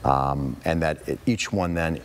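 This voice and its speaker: An American man in a TV interview as a historian guest, speaking deliberately and drawing out words for emphasis. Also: very deep voice, slight background noise. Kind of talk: live TV interview.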